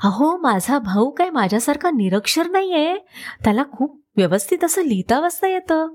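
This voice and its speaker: A woman's voice: sing-song, moderate pace. A woman voicing a stubborn, illiterate man who keeps pleading and grows exasperated. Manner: pleading, exasperated, raised pitch.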